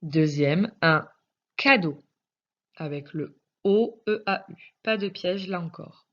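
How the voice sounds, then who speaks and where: A woman's voice: lowish voice, takes it slowly. A woman teacher giving a recorded reading lesson to young children, carefully spelling out letters one by one. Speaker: primary school teacher. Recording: dull lo-fi recording.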